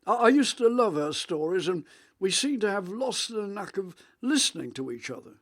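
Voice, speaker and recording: A man, playing a rambling, reminiscing elderly grandfather on a video call in a radio monologue; his voice is rich and melodious, with halting restarts. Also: high-pitched, sing-song, fairly bright tone, full character voice. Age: 80s.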